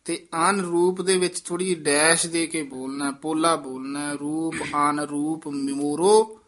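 A man with a Punjabi accent teaching scripture recitation, patiently modelling each line slowly and then explaining the pauses. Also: a little high, fairly even intonation, a bit bright.

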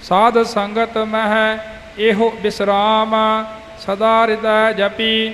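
A man singing devotional hymns in a slow, steady recitation. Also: sits high, in a large hall, slight background noise. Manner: slow sung recitation of scripture. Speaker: kirtan singer. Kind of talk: devotional hymn chanting.

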